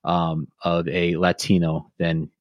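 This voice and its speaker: Low-voiced joking man on podcast. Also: level tone, slow pace, no echo, muffled recording. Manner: jokey, hamming up mock accents. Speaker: podcast co-host. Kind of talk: casual chat, reading a plot synopsis.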